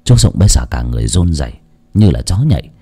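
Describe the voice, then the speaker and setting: A man narrating a village ghost story in a hushed, dramatic manner. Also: a bass voice, very animated, quick pace, husky.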